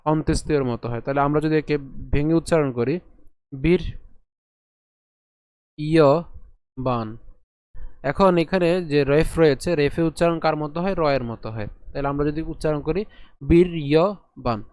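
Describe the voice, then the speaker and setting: A man teaching how to pronounce verses, who asks his own questions, answers them, and chants lines slowly, syllable by syllable. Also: on the high side, darkish tone, smooth, no room sound. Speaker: teacher of Sanskrit verse pronunciation. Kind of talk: recitation lesson.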